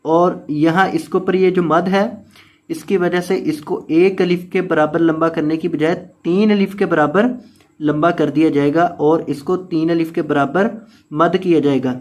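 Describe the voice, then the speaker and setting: A man's voice: on the high side, fairly even intonation, measured pace, a little mellow. A man teaching tajweed, spelling out letters and vowel marks and repeating the words of the verse. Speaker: Quran teacher. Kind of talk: tajweed lesson with recitation.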